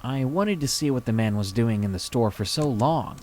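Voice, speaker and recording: A man's voice: mid-range voice, expressive, darkish tone. Man reading a scary story dramatically. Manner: slow, dramatic storytelling delivery. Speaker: story reader.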